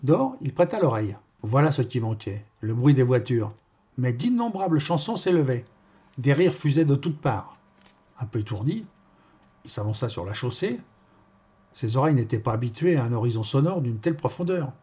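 A man reading a novel aloud as narrator, in a wry, measured manner. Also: mid-range voice, sing-song, mellow, husky. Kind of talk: audiobook reading.

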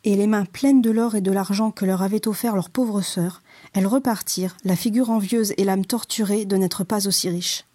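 A woman narrating a storybook tale in a measured, expressive reading. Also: medium pitch, slightly rough.

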